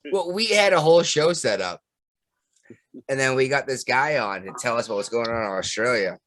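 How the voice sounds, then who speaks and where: A man's voice: medium pitch, animated, moderate pace, a bit bright. A man with a Boston accent bantering casually as a podcast co-host, swearing freely as he tells stories. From Boston area, United States.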